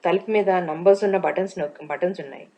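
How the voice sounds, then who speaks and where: Lower-voiced woman narrating an audiobook. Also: fast, muffled recording, crowd noise.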